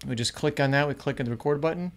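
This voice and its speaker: A man's voice: a little high, racing. A middle-aged man hosting a youth ministry channel, talking upbeat and chatty as he walks through a tutorial in a small home studio on a close mic. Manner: upbeat, chatty, varying pace. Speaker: youth ministry podcast host. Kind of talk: casual tutorial vlog. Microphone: close studio mic in front.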